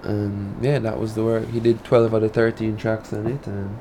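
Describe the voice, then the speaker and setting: Being interviewed as an artist, a man from rural Jamaica (Saint Elizabeth) chats casually in Patois, his Jamaican accent carrying a rural drawl. He speaks with a fairly low pitch, flat delivery, and warm tone at a moderate pace, with slight background noise.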